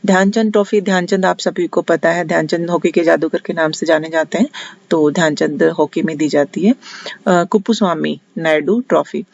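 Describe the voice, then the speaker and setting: A teacher with a Haryanvi accent patiently explains memory tricks in a general knowledge lesson. They go step by step, restate each point, and pause often. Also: mid-range voice, fairly even intonation, creaky, dry recording. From Haryana, India. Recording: dull, lo-fi, dry recording.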